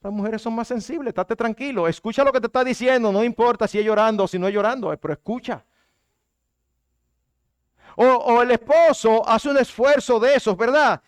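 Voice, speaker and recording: A man with a high, smooth and resonant voice preaches a sermon. He is animated and changes his voice to act out quoted husbands and wives. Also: fairly quick. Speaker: pastor.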